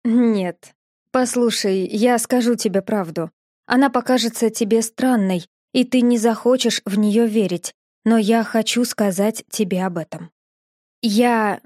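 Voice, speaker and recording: A woman voicing a soft-spoken, tender young man. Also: a little high, measured pace, no room sound, studio quality. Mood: grave. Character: tender young man, gentle, remorseful, protective.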